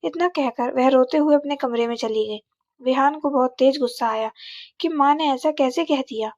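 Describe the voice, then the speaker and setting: A woman narrating a scripted family drama story in a steady storytelling manner. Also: high voice, moderate pace, dry recording. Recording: slightly dull, dry recording.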